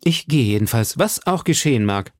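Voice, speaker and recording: A man's voice: mid-range voice, lively intonation, normal speed, no room sound, clean studio sound, voice pushed up, close to an everyday voice. A man voicing a bold young musketeer who speaks eagerly and commits at once, in a German audiobook reading. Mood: resolute.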